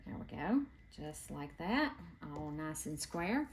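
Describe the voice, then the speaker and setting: A woman's voice: low-pitched, big pitch swings, takes it slowly, slight background noise. A middle-aged woman, chatting folksily as she walks through a quilting block in a home sewing room. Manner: chatty, folksy, talks while working. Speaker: quilting video host. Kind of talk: casual sewing tutorial.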